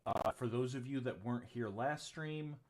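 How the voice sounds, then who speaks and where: Running a tabletop game as game master on a livestream, a man narrates in a mid-range voice at normal speed. He rambles, dropping plenty of ums and casual swearing.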